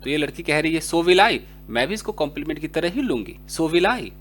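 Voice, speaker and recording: Lively, animated man teaching English. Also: fairly high pitch, a little fast. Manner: explains with acted-out example dialogue; chatty, addresses viewers directly. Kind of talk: casual explanatory lesson.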